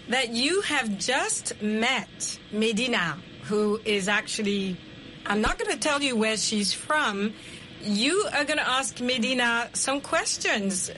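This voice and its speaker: A middle-aged woman hosting an English practice call, prompting and encouraging the learners slowly like a teacher. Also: fairly high pitch, sharp tone, a little hiss or hum, rough recording. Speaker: host.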